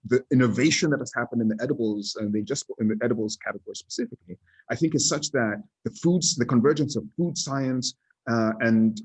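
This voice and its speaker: A man speaking as an industry analyst in a casual podcast discussion, deliberate and often restarting his sentences. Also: medium pitch, a little mellow, husky, rough recording.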